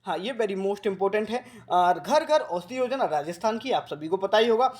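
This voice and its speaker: Man, exam coaching teacher, slow repetitive drilling, fairly high voice. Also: animated, a little mellow. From Rajasthan, India. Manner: slow, repetitive drilling that coaxes students like a big brother. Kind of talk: current affairs coaching lecture.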